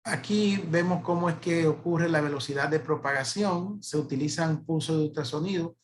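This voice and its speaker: Slightly high-voiced man giving a lecture. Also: normal speed. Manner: explanatory, repeats and restarts while thinking. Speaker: radiologist lecturer. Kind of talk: educational lecture.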